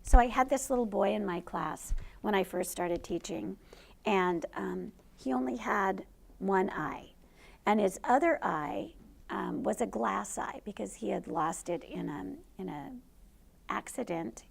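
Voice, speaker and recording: A woman's voice: medium pitch, expressive, a little slow, gravelly. A middle-aged woman, a teacher, telling a personal story in a conversational way to an audience. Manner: conversational, laughs through funny parts.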